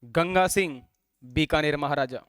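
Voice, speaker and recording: A male teacher, giving a classroom lecture, quizzing students and dictating notes slowly with repeats. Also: a little high, a bit bright, clear, resonant tone, dry recording.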